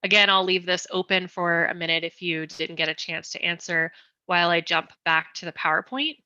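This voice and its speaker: A woman leads a community meeting presentation, explaining design ideas with careful, patient steps. Her voice is bright and a little low. The sound is dry and dull, like a lo-fi video call. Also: no room sound. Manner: explanatory, careful, slowing down on request.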